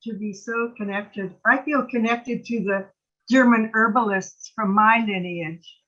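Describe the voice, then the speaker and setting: Over a video call, a late-seventies woman missing her front teeth talks with gushing enthusiasm and frequent hesitations in a fairly high, bright, forceful voice. The online audio sounds muffled and narrow.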